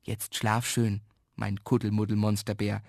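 A man voicing a gentle, caring mother in a children's bedtime radio story, speaking softly. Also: lowish voice, level tone, a little slow, vocal fry, no room sound, studio quality, pitched below the performer's own voice. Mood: whispered. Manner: soft, tender.

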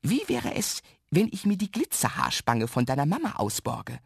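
A man's voice: high-pitched, huge pitch swings, normal speed, breathy edge, dry recording, studio quality, pitched above the performer's own voice, exaggerated voice. A man voicing a tiny, mischievous, boastful imp with a round belly in a children's radio story, cheeky and bragging.

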